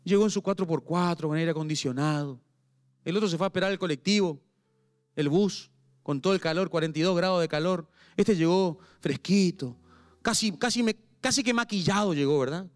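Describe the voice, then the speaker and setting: Speaking fairly quickly in a high voice, a male pastor with a Paraguayan accent gives an impassioned church sermon. He alternates quiet pleading with bursts of raised intensity.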